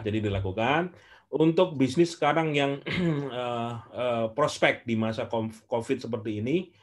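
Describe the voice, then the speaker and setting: Man, animated storyteller. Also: mid-range voice. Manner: animated storyteller with frequent "eh" fillers. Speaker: guest speaker answering questions. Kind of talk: online class Q&A.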